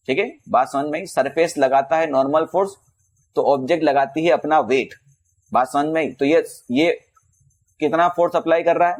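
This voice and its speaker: Male physics teacher, casual lesson, slightly high voice, slow when reading questions. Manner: casual, addresses students as bhaiya and beta; reads English questions slowly. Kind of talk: exam problem-solving lesson.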